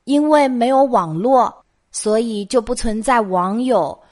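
A woman's voice: a little high, a little slow, darkish tone. A middle-aged woman with a Mainland Chinese Mandarin accent tells childhood memories as bedtime stories in a conversational way. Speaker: storytelling host of a bedtime show.

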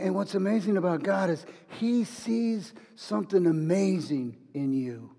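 A man's voice: a little high, warm tone, big-room sound. A male pastor preaching a sermon in an earnest, repeating manner. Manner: earnest, repeats words as he restarts.

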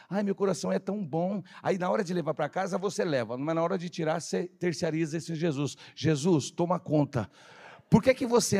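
A man preaching a lively sermon in church, firing rhetorical questions and calling for responses. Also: sits high. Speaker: pastor. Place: church service.

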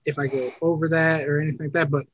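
A man in his thirties talks loosely on a podcast, wandering through his points and stopping to fix his own words. His voice sits a little high, and the sound is dry and close. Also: level tone, quick pace, no echo, poor audio. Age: 30s. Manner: rambling and self-correcting. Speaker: podcast co-host. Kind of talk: casual chat.

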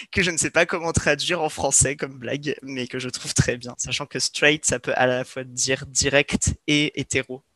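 A man presenting a music segment on a podcast in casual chat, hesitant, with many filler pauses and restarts. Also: mid-range voice, fairly even intonation, pushed and bright, no echo.

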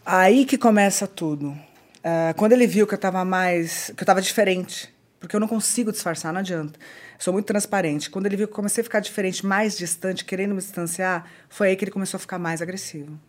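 Brazilian woman guest telling her story, earnest, stops and repeats a lot, mid-pitched voice. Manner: earnest, halting, repeats herself. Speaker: podcast guest. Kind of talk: recounting a personal story.

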